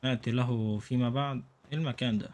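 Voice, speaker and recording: A young man with an Egyptian Arabic accent giving joking, excitable commentary while playing a video game. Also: medium pitch, very fast. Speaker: gaming YouTuber. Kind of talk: let's play commentary.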